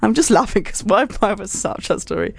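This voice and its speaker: A woman's voice: mid-range voice, wildly swooping pitch, fairly quick, creaky, husky, no echo. A young woman co-hosting a casual podcast, chatty and giggly, swearing freely. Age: young adult. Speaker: podcast co-host. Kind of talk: casual chat.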